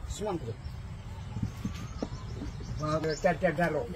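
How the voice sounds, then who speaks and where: A man's voice: fairly high pitch, animated, slow, heavy background noise. A man outdoors in a village yard, calling out short instructions while work goes on, heard from a camera some distance away.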